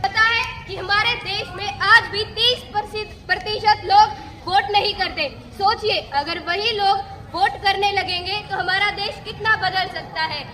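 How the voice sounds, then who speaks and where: A woman's voice: extremely high pitch, steady tone, a little slow, few pauses, pushed and bright, a little hiss or hum. A young woman performing in an outdoor street play, chanting and declaiming slogans at full volume. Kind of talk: loud street theatre. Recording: echoey outdoor recording with crowd.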